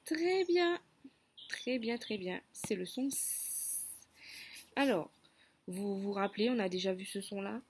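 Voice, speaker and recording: A woman teacher giving a children's phonics lesson, speaking slowly and clearly and stretching out words for listening games. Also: medium pitch, darkish tone, slight background noise.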